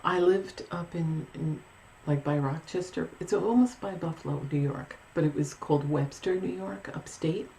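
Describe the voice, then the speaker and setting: Mellow, rambling woman vlogger. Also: deep voice, moderate pace, vocal fry, slight background noise, poor audio. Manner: rambling, with many restarts and asides. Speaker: paranormal vlogger. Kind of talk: casual storytelling.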